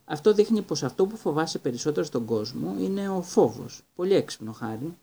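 A man voicing a calm, kindly male teacher who speaks gently and sounds a little tired, in a Greek audiobook reading. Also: a little high, vocal fry, slightly rough, pitched above the performer's own voice, heavily acted. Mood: gentle.

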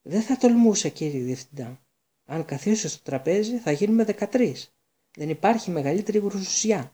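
A man doing Trelawney, misty high seer woman. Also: lively intonation, creaky, mellow. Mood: mysterious. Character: eerie misty older female seer, dramatic.

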